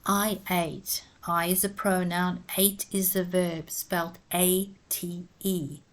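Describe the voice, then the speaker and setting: Slow, deliberate woman teaching vowels. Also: on the low side, little pitch movement. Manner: spells words out letter by letter. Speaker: English teacher. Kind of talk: slow, careful pronunciation lesson.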